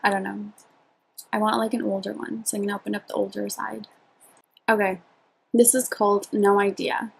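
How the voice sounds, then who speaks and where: A woman's voice: mid-range voice, flat delivery, moderate pace, vocal fry, long pauses, slightly rough, low-quality recording. A young adult woman chatting informally and reading aloud from her diary in an amused, self-deprecating way. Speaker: vlogger. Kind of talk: casual chat mixed with reading aloud from own diary.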